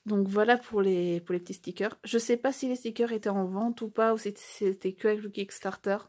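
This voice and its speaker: A woman talking casually through an unboxing on her channel. She gushes over each small item, with lots of fillers and restarts, and slows down to stumble through English phrases. Her voice sits at a middle pitch. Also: fairly even intonation, a little mellow. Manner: gushing, hesitant, many fillers and restarts. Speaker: YouTuber unboxing a tarot deck.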